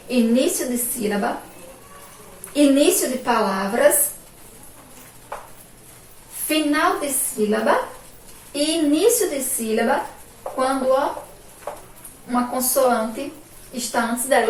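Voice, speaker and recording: A female teacher with a Sergipe Brazilian accent, giving a remote lesson to children and drawing out each syllable emphatically. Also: sits high. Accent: Brazilian Portuguese, Sergipe. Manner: slow, drawn-out, emphatic syllables with frequent "ó" and "olha aqui". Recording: echoey room from far off, faint background noise.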